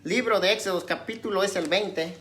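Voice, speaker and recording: A woman preacher giving a conversational sermon, constantly checking in with her listeners and alternating loud emphatic questions with quiet asides. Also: moderate pace, a little hiss or hum. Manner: conversational, tags nearly every phrase with a questioning aside; swings between raised emphatic questions and low asides.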